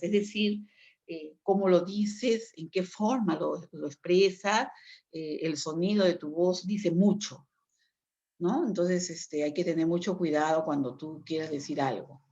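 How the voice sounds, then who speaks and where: A woman teaching a lecture, explaining at length and often checking in with her listeners. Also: fairly low pitch. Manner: explanatory, frequent tag questions. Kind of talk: online lecture. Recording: dull lo-fi sound.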